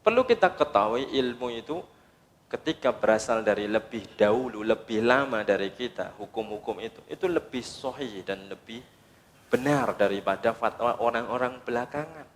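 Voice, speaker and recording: A man preaching a sermon, speaking emphatically in short phrases that often climb to high, insistent peaks. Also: lively intonation, normal speed.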